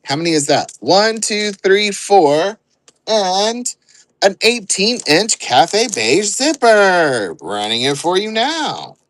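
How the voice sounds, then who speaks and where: A man's voice: a little high, fairly bright tone, rough recording. A man hosting an online live sale, rambling and joking as he counts out items aloud. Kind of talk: casual live-selling chatter.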